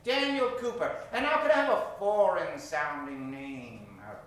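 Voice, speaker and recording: Calling on a live audience for suggestions, an improv comedy host projects like a theatrical showman in a voice on the high side, fairly bright, at a moderate pace. The mic is distant and the theater very echoey.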